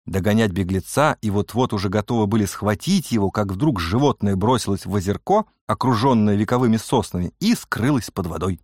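A man reads a storybook aloud in an even, measured narrating voice. His pitch is on the low side, and the sound is close and dry, with almost no room echo. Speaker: audiobook narrator. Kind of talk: scripted narration.

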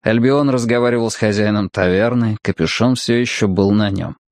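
A man narrating an audiobook in a steady, even storytelling manner. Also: lowish voice, brisk, dry recording, clean studio sound. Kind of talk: scripted narration.

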